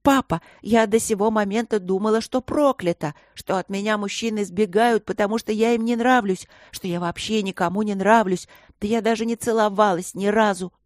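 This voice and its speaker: A woman's voice: mid-range voice, moderate pace, darkish tone, no echo, clean studio sound, voice pushed up, natural voice. A woman voicing a hot-tempered young noblewoman who talks in an indignant, heated way.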